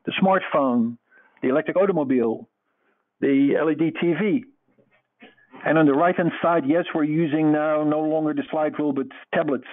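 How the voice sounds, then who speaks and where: A man's voice: fairly high pitch, normal speed. A middle-aged man from the Netherlands with a Dutch accent, giving an earnest, explanatory webinar lecture with frequent fillers. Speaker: presenter. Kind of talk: webinar lecture over slides. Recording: tinny phone-like webinar audio.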